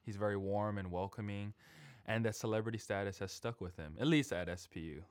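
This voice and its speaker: Male podcast host, fairly low voice, dry sound; relaxed, teasing interviewer. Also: dry recording. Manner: friendly, joking, quick laugh. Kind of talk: casual interview chat.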